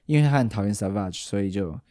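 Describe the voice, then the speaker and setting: A man's voice: on the low side, lively intonation, fast, dark tone. A man with a Taiwanese Mandarin accent, a podcast host in casual chat who explains at length and often restarts his sentences.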